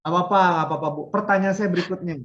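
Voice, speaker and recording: A man hosting a casual podcast interview, asking relaxed, prodding questions. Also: high voice, racing, muffled recording. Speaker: podcast host.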